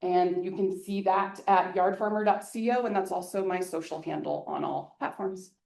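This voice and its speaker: A woman landscape designer giving an energetic, joking talk at a neighborhood meeting, then answering audience questions. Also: medium pitch, moderate pace, vocal fry. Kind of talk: public presentation with audience Q&A. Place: meeting hall. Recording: echoey hall.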